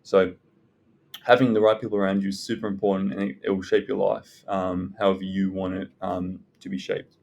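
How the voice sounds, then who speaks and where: A man giving unscripted self-development advice as a content creator, speaking in a hesitant, halting way with pauses. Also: deep voice, level tone, vocal fry, a little mellow. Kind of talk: unscripted advice talk to viewers. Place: indoors in a library.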